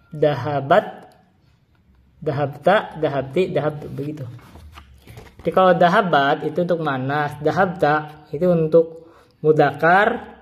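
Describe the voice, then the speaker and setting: A man with an Indonesian accent, a native Indonesian speaker, teaching Arabic. He reads Arabic phrases slowly and then explains quickly in Indonesian. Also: fairly high pitch. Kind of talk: casual classroom explanation.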